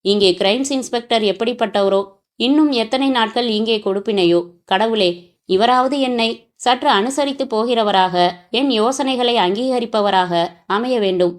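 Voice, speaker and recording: A woman's voice: on the high side, moderate pace, close to an everyday voice. Hopeful young sub-inspector, read by a woman. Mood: prayerful. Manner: quiet prayerful musing.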